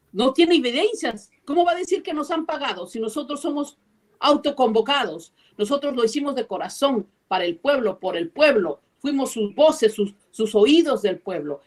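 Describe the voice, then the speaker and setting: A woman's voice: mid-range voice, a little mellow. A woman from Peru, a guest telling her story emphatically and repeating her key phrases. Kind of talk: animated storytelling.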